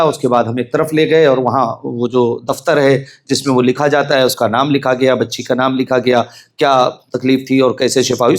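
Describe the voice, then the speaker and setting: A man preaching a mourning sermon, swinging from hushed storytelling to shouted emphasis and often urging his listeners to pay attention. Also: medium pitch. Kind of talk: Shia majlis sermon.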